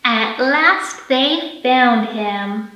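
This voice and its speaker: Very slowly and with plenty of animation, a woman in her thirties reads and presents to young children, her high-leaning voice pushed and bright. She's a librarian addressing them directly and expressively in a pre-recorded online storytime, filmed in an indoor library room with roomy echo and slight background noise.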